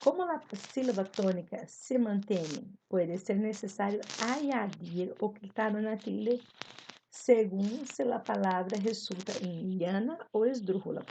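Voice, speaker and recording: Brazilian lady teaching spanish online, slow and mellow, a bit of hiss and clicks. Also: mid-range voice, animated, creaky, poor audio. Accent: Brazilian Portuguese. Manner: explains slowly, repeats examples, switches between Spanish and Portuguese. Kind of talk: online class lesson.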